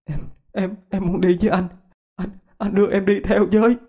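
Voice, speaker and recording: A man voicing a grieving young woman who pleads in a high, tearful voice. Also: level tone, normal speed, warm tone, breathy edge.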